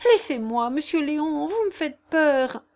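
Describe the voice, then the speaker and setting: A woman's voice: on the high side, expressive, moderate pace, darkish tone, close to an everyday voice. A woman voicing a frightened brave young peasant girl. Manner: pleading, spirited.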